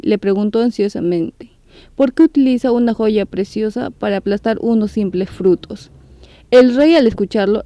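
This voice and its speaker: A woman tells a manga story as a steady scripted recap. Her voice is mellow and warm. The recording is close and dry, with no room sound. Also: a little high, no room sound. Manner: steady, even storytelling read. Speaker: narrator of a manga recap channel.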